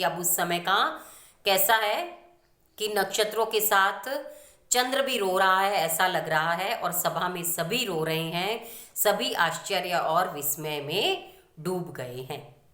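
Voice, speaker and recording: A woman's voice: fairly low pitch, slow, sharp tone. A woman teacher explaining a poem line by line, restating each verse in plain everyday words. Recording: echoey room.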